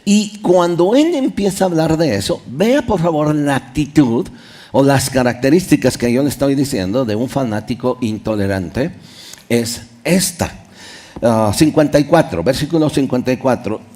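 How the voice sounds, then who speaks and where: A male pastor preaching a sermon in a church, reading Bible verses aloud and explaining them, with sudden loud rises and soft drops. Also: mid-range voice, expressive, moderate pace.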